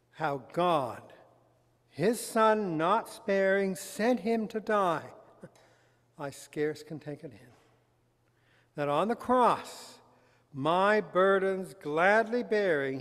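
A man leading a congregation in worship, speaking earnest prayers in a large church hall, recorded from a far camera. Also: high voice. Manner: earnest, reverent spoken prayer. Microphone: far camera at back of hall. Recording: loud brass music over voice. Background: brass band and congregation singing.

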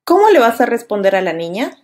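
A young adult woman teaching children English, modeling words slowly for them to repeat. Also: on the high side, big pitch swings, darkish tone. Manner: slow, clearly drilled repetitions for kids to echo. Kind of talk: children's language lesson.

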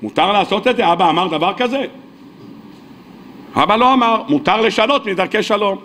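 A man's voice: high voice, pushed and bright. A male rabbi gives a sermon. He tells stories animatedly, acts out the dialogue and puts questions to his listeners. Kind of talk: sermon with storytelling. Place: weekly sermon hall.

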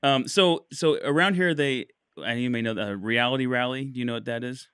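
A man's voice: medium pitch, a little fast, clean tone, dry recording, studio quality. A man co-hosting a podcast in casual chat, joking and telling stories from his everyday life. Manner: joking, bursts into loud laughter. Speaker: podcast co-host.

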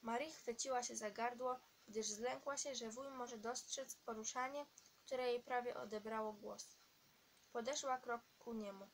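A woman narrating an audiobook at a steady reading pace, now and then stumbling and restarting a word. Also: on the high side, a little slow, slight background noise. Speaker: audiobook reader.

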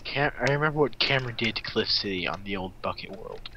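A man's voice: lowish voice, animated, quick pace, muffled recording, noisy background. A young man casually commenting on a block-building game while teasing his friend. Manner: teasing, playful banter. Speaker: gaming co-host.

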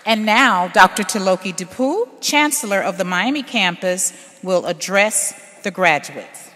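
A woman's voice: medium pitch, animated, measured pace, pushed and bright, a faint crowd, slight background noise. Woman emceeing a graduation ceremony. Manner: gracious, introduces speakers. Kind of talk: formal ceremony hosting. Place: large auditorium stage. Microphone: podium microphone. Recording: long hall reverb.

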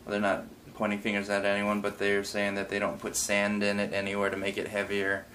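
A man's voice: on the low side, completely flat delivery, a little fast, a bit bright. A young man giving a casual product review in an informal, loose, self-correcting way, recorded indoors by a camera a few feet away. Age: young adult. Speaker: hookah reviewer. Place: garage workshop, indoors. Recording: faint background room noise.

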